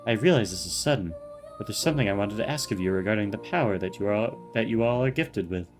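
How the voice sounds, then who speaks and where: A man voicing a courtly older male scholar who speaks formally and in a measured way. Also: lowish voice, over music, lightly acted. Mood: solemn. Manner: formal, measured, slow in places.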